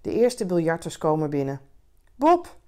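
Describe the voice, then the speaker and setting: A woman reading a literary short story aloud in a calm, measured way. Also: fairly low pitch. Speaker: reader.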